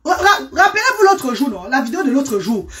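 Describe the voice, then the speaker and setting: Animated high-voiced woman live streaming. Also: fairly quick. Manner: animated, exclamatory, greets viewers by name. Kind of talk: casual live stream talk.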